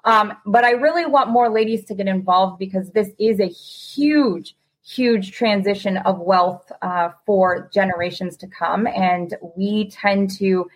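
A talkative woman hosting an interview podcast, her voice sitting in an ordinary middle pitch. She speaks with enthusiasm and keeps the conversation flowing. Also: a little slow, rough recording. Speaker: podcast host. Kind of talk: casual interview.

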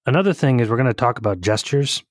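A man's voice: medium pitch, animated, quick pace, dry recording, clean studio sound. A man co-hosting a podcast in casual chat, talking loosely with restarts and frequent laughs. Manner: chatty, rambling with restarts, laughs often. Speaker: podcast co-host.

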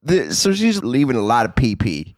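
A man hosting a podcast, telling a story in an animated, profane, chatty way. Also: mid-range voice, moderate pace, dry recording, clean studio sound. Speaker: podcast host. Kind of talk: casual podcast chat.

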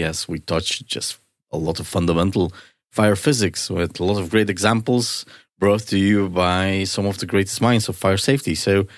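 A man's voice: sits low, no room sound, clean studio sound. A man hosting a science podcast in a conversational, explaining style, with an enthusiastic, curious manner. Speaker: podcast host.

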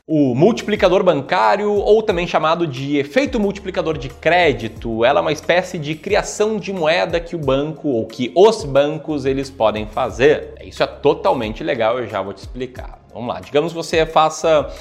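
A man's voice: a little high, animated, moderate pace, hardly any pauses. A Brazilian man hosting an explainer video, speaking straight to the viewer in an emphatic, informal, showman-like way. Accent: Brazilian Portuguese. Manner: informal, colloquial asides. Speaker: video host, professional investment manager. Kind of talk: direct-to-camera explainer.

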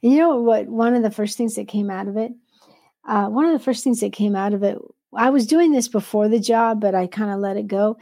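A woman with a gravelly, fry-tinged voice and a warm, mellow tone speaks about faith and business in an earnest, conversational way. She often quotes scripture and sometimes stops to correct herself mid-sentence. The recording is dry and close, with no room sound. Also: mid-range voice, brisk, dry recording. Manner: restarts and self-corrections. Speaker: entrepreneur and devotional author. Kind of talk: faith-based conversational sharing.

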